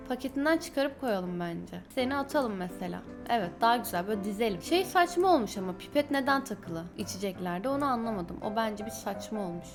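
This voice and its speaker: Woman vlogger, high-pitched, casual chatty gameplay talk, music bed behind. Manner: chatty, talks to viewers while building. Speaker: gaming YouTuber. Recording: background music under voice.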